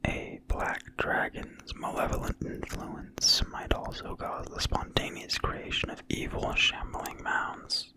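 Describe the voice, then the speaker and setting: An ASMR video creator reads a fantasy game manual aloud in a quiet, breathy whisper. The delivery is slow, deliberate and soothing.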